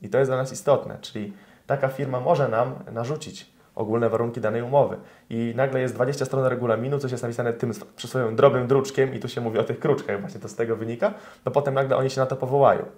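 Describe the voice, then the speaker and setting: Young lawyer, interview guest, explanatory delivery with fillers, addresses viewers. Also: male voice, mid-range voice, steady tone, fast, darkish tone. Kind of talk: interview answers, explaining law.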